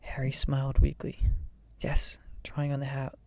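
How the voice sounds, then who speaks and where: Soft whisper, ASMR audiobook reading, dark mellow tone, flat intonation, breathy murmur. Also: medium pitch, measured pace. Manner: soft whisper, often voiceless. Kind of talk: whispered ASMR reading of a children's fantasy novel.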